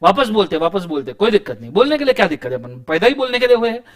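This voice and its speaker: A man's voice: high-pitched, big pitch swings, rapid-fire. A man giving a law lecture, joking and theatrical as he teaches. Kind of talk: classroom lecture.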